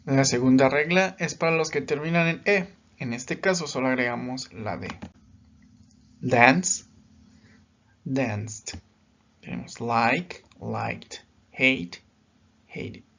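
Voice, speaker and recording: A man's voice: mid-range voice, slow pace, gravelly, pauses often, a bit bright, dull audio, slight background noise. A man teaching English grammar in a recorded lesson, patient and step by step, often checking in as he explains.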